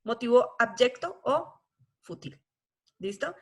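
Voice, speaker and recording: A woman's voice: fairly high pitch, lively intonation, takes it slowly, breathy edge. A woman teaching a law class, explaining patiently and often checking whether students follow. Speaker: law lecturer.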